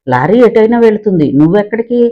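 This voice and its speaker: A man's voice: sits high, lively intonation, fast talker, lo-fi sound, pitched above the performer's own voice. A man voicing a brash, teasing young lorry cleaner who mocks and jokes. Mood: cheeky. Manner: cheeky, mocking banter.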